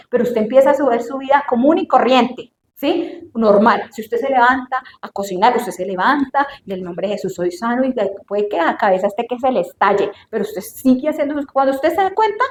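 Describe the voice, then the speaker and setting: A woman preaching a sermon in an animated way, asking her listeners questions and acting out the voices of the people she quotes. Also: on the high side, roomy sound, a little hiss or hum.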